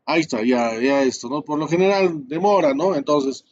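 Male instructor, higher-pitched, steps through commands slowly with fillers; dull lo-fi recording. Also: darkish tone. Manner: explains step by step, many fillers and tag questions. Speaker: networking instructor. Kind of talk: live screen-share class.

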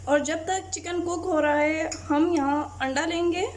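A woman calmly explaining a recipe step by step as a cooking channel host. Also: extremely high pitch, a little slow, a little hiss or hum. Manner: calm, plain, methodical. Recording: loud frying sizzle behind voice.

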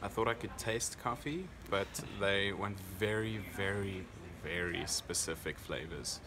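A young South African man, low-voiced and measured in pace, gives a casual interview as a competitor right after performing. The setting is an indoor convention venue, with clear background noise from the busy event.

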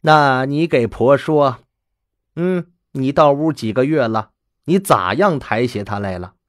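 A man voicing a stern, blunt old grandmother, speaking slowly and pressing with questions. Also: medium pitch, expressive, dry recording, clean studio sound, voice pushed up, close to an everyday voice. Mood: probing. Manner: slow, measured, pressing questions.

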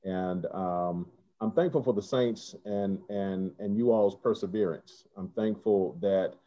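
A man giving earnest, halting remarks to his church over a video call from home. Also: low voice. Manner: earnest, halting with many restarts. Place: home, indoors. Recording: dull lo-fi video call audio.

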